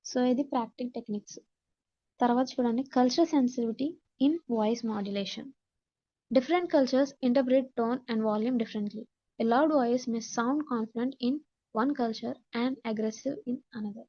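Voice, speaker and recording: Through lo-fi sound comes a slightly high, warm female voice speaking slowly. The instructor, Telugu-accented, runs a slide-based lesson, reading each point aloud and repeating her explanations in both Telugu and English.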